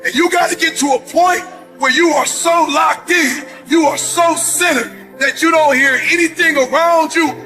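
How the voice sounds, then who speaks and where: A man's voice: extremely high pitch, moderate pace, pushed and bright, faint music behind. A man giving an emphatic motivational speech with blunt, profane punch.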